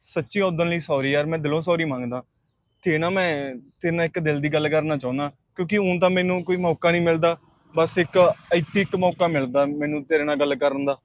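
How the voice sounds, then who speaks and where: A man's voice: a little high, steady tone, brisk, no room sound, close to an everyday voice. An actor with a Punjabi accent playing an earnest, apologetic young man in love who keeps pleading with a nurse. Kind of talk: short film acting.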